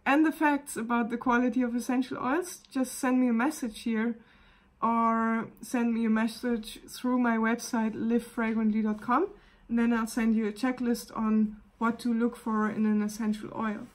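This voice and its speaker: A woman with a German accent, a wellness coach gently talking through a casual live video demonstration and often pausing to search for words. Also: fairly high pitch, level tone.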